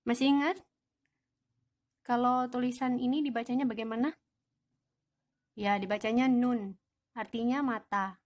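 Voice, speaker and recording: A woman's voice: a little high, fairly even intonation, unhurried, pauses often, a little mellow. A young woman teaching an online language lesson, patiently explaining rules and answering her own questions.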